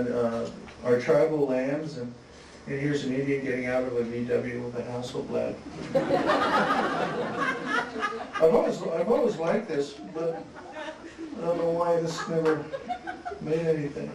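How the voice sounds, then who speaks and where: A man presenting his photographs at a symposium, talking in a relaxed, halting way with many restarts and chuckles. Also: mid-range voice, vocal fry. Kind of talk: slide talk at a symposium. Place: museum lecture hall. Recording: echoey hall, distant mic, faint hiss.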